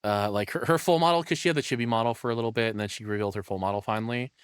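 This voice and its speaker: A man's voice: medium pitch, rapid-fire, smooth, no echo, clean studio sound. A man streaming, chatting casually and rambling with a lot of swearing. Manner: rambling, swears often, laughs between words.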